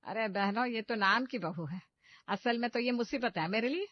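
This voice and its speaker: A woman voicing a short-tempered middle-aged mother-in-law who loudly scolds and insults her daughter-in-law, on a dull lo-fi cartoon track. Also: fairly high pitch, normal speed, no room sound, pitched above the performer's own voice, natural voice. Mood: scornful. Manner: shouting insults, loud and scolding. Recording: dull, dry lo-fi voice-over.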